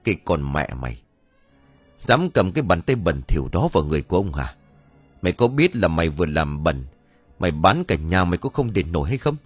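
A man's voice: low-pitched, very animated, a little fast, slightly rough, dry recording, faint music behind, full character voice. Man voicing a cruel old landlord, snarling. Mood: scornful, snarling. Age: over 70. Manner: snarling, scornful shouting. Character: cruel rich old landlord over seventy, contemptuous.

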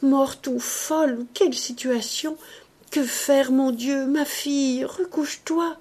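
Brief: woman reader doing a frantic old man in an audiobook, trembling and pleading, slow and breathy. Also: mid-range voice, animated, warm tone. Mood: panicked. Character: anxious, tender old man, a fatherly showman.

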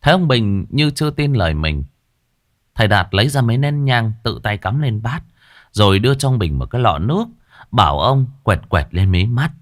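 A man's voice: on the low side, lively intonation, moderate pace, dry recording, studio quality. Dramatic male ghost story narrator.

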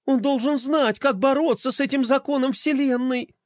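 A man voicing a skeptical young skateboarding girl in a children's story, with a scoffing, excitable way of talking. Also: sits high, moderate pace, no echo, studio quality, voice pushed up.

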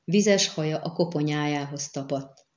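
A woman with a low, deep voice narrates a novel in steady, dramatic storytelling. The recording sounds roomy and a little dull, like a room-recorded audiobook. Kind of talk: scripted narration.

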